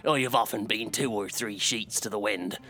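An actor playing a very old, blind, wily sailor who persuades in rhyme, as in an audio drama. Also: male voice, lowish voice, moderate pace, pushed and bright, a little hiss or hum. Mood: weary, confessional. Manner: very old man's delivery. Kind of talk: rhyming audio drama storytelling.

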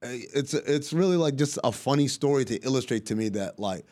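A man's voice: mid-range voice, normal speed. Man telling a story with acted-out quotes. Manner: animated anecdote-telling, acting out quoted dialogue, casual swearing. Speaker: podcast guest, basketball analyst. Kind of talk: casual storytelling chat.

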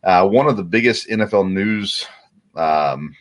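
Low-voiced man hosting a sports podcast. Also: a little slow. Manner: relaxed, hesitant with many fillers and restarts. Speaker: podcast host. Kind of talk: casual sports talk.

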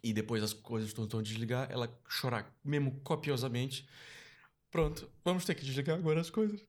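A man with a Brazilian accent, a podcast guest telling stories in a lively way, acting out quotes and often restarting his sentences. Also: medium pitch, fast. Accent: Brazilian Portuguese. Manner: animated, acts out quotes, many restarts. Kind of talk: casual storytelling chat.

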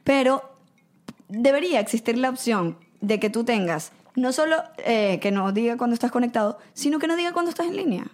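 A woman with a Venezuelan accent, a guest in a casual podcast chat, talking fast and emphatically. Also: a little high, lively intonation, darkish tone.

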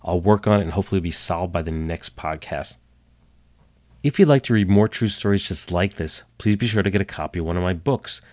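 A deep, darkish male voice with no room sound belongs to a history podcast host recording at a home computer setup. He's recovering from a cold, so he sounds slightly nasal, and he tells his stories with dry, wry asides.

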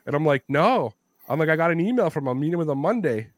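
A man hosting a podcast, telling a story in casual chat, animated, swearing freely and acting out what people said. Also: on the high side, fast, dry recording. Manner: animated storytelling, swears a lot, acts out quotes. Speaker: podcast host.

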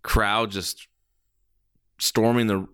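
A man's voice: on the low side, level tone, extremely slow, fairly bright tone, smooth. A man doing casual play-by-play as a wrestling commentator, reacting with exclamations and the odd swear word.

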